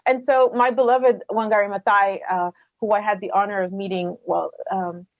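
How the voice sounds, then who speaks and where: A middle-aged woman from Rwanda speaking earnestly as a panelist, quick and passionate, with some fillers. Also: mid-range voice, fairly even intonation, no echo. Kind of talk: conference talk.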